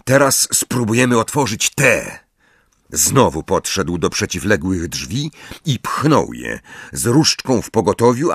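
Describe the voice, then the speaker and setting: Low-voiced man narrating an audiobook. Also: a bit bright, dry recording, clean studio sound.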